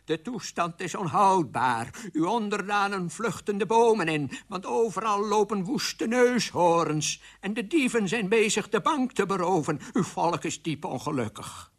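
Guy playing a jittery old-style minister, high and fretful, storybook radio. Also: lively intonation, unhurried, few pauses, exaggerated voice. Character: trembling nervous male prime minister.

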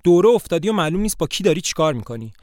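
A man voicing an angry, hurt middle-aged mother who reproaches her daughter in fast, rising sentences, in a story reading of a play. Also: on the high side, very animated, a little mellow, dry recording, clean studio sound, voice pushed up. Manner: reproachful, rapid.

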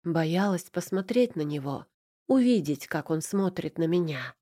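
A woman narrating a first-person romance novel in an emotive, measured reading. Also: lowish voice, animated, mellow, no echo, studio quality. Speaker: audiobook narrator.

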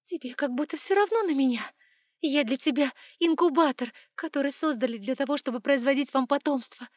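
A woman doing a shrill, tearful young heroine. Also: fairly quick, no echo, studio quality, lightly acted. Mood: angry. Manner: shrill, high and loud, emotional outbursts. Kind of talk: audiobook character voice.

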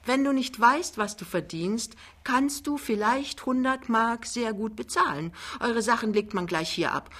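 A woman's voice: fairly high pitch, a little slow, few pauses, fairly bright tone, voice pushed up. A woman playing a brash, boastful older mother. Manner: triumphant, theatrical, airy. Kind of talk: audiobook reading.

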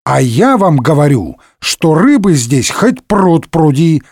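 A cheerful, boastful old nobleman musketeer, raised and lively in pitch, who spins tall tales in a comic storybook reading, voiced by a man. His lines come dry and close. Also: a little slow, slightly rough, no echo, heavily acted. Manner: exclamatory, tall-tale bragging.

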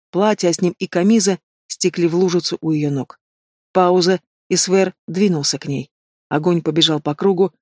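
High-voiced man narrating a story. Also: dry recording, clean studio sound. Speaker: audiobook narrator. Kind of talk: scripted fantasy narration.

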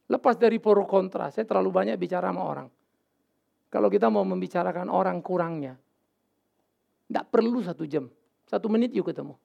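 A male pastor preaching a sermon in a casual, animated way, with sudden loud outbursts and English words mixed in. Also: high voice, gravelly. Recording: dull lo-fi sermon recording.

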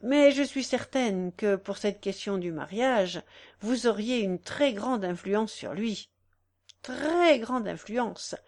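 A woman's voice: mid-range voice, slow, a little mellow. A woman voicing a coaxing old countess. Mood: persuasive. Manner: coaxing, insistent, effusive. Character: scheming, chatty old countess matchmaking her son.

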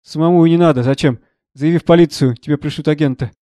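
A man reading the part of a gruff, blunt elderly friend who speaks curtly and probes. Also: a little high, quick pace, dark tone, no echo, close to an everyday voice. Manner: curt, dry, probing.

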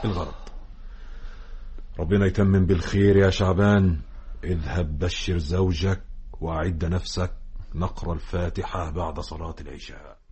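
An actor playing a calm, preachy village sheikh in a radio drama. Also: male voice, low voice, moderate pace, long pauses. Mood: counseling. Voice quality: raspy.

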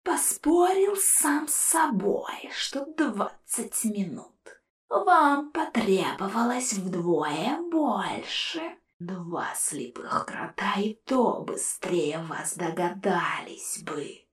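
A woman voicing a mocking male ghost skull trapped in a jar, in a slow, hissing whispered role-play. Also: mid-range voice, lively intonation, echoey room, far from the mic. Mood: gloating.

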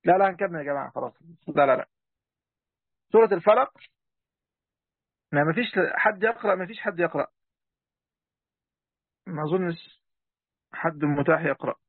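A man's voice: on the high side, fast, long pauses, breathy edge, no echo, phone-quality sound. A man with an Egyptian accent teaching an online class as a sheikh, reading passages aloud and explaining them in a chatty way, talking straight to his students. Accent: Egyptian Arabic. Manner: chatty, talks straight to his students, breaks off mid-word.

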